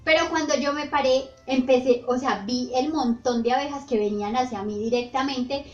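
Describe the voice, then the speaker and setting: A woman's voice: sits high, steady tone, moderate pace, darkish tone. Young woman telling spooky stories. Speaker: vlogger. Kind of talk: storytime narration. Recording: roomy, slightly dull, faint music. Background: faint background music.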